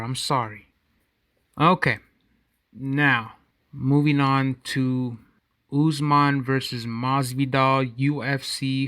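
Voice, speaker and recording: A man's voice: mid-range voice, fairly bright tone, no room sound, studio quality. A man hosting his own podcast, giving casual solo commentary in a rambling way and often correcting himself as he goes. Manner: rambling, self-correcting, conversational. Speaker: podcast host.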